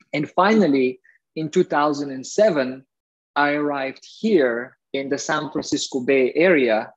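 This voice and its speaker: A middle-aged man from Bulgaria presents to a young audience in an earnest, friendly way, his words often broken by "uh" fillers. His voice sounds a little husky. It comes through muffled, lo-fi video call audio. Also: on the high side. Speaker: guest speaker, entrepreneur.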